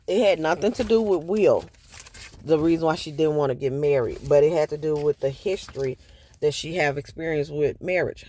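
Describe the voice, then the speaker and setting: A man's voice: fairly high pitch, a little mellow. A man casually retelling a book chapter for his viewers, in a loose, chatty way with asides to the audience. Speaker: book review vlogger.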